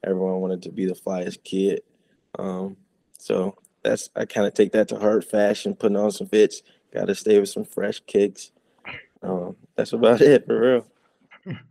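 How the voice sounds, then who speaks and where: A man's voice: on the low side, unhurried, vocal fry, no echo. A young man from the Chicago area, a college football player, chatting casually and laid-back as a guest. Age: young adult. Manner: relaxed, laid-back, trails off softly. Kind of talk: casual interview chat.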